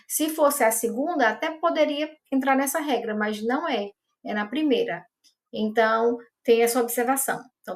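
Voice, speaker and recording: Woman English teacher, patient and methodical, a touch high-pitched, reads out examples slowly. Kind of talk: explaining grammar to learners.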